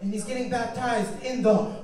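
A man's voice: extremely high pitch, fairly even intonation, moderate pace. A man preaching with call-and-response chants, half-singing key words to the crowd. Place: large echoey hall. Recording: echoey hall, mic far off.

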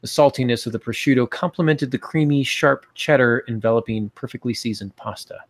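Speaking fairly quickly in a mid-range voice with no room sound, an American man in his forties works through ideas aloud while teaching fiction writing. He's a podcast co-host giving casual instruction on a video call from his home office.

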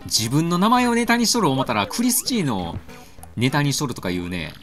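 A man with a Kansai accent doing let's-play commentary, joking crudely and getting excited. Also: fairly high pitch, brisk, faint music behind. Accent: Kansai Japanese. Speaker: game commentator.

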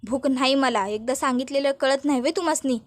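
A woman's voice: high voice, a little fast, lightly acted. Woman doing a stubborn village mother. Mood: stubborn, firm. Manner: rural dialect, curt and firm. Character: proud stubborn village mother, fasting, unbending.

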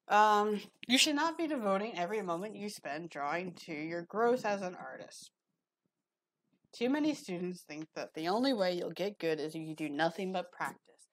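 A woman's voice: lowish voice, a little hiss or hum, low-quality recording. A woman streamer casually reading a drawing lesson aloud, with chatty, rambling asides.

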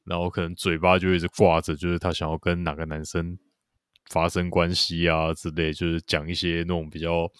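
A male podcast co-host with a low, clear, resonant voice talks fairly quickly in a flat delivery. His casual chat about a TV series is loose and rambling, packed with fillers and repeated agreement. No room sound comes through the clean studio recording.

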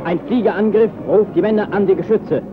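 A man narrating an old newsreel in a crisp, formal 1940s announcing style. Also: high-pitched, fast talker. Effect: old newsreel soundtrack. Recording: tinny narrow-band archival newsreel audio with faint music.

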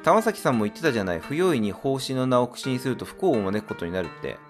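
A man's voice: mid-range voice, expressive, fast, faint music behind, close to an everyday voice. A man voicing an anxious, polite young woman character in a game, reading her lines with a worried, formal feminine manner.

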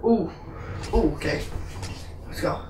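A woman's voice: on the low side, lively intonation, slow, roomy sound, recorded from a distance, very noisy. A woman hosting a gaming channel, giving playful, rambling commentary on a VR game and playing announcer for herself.

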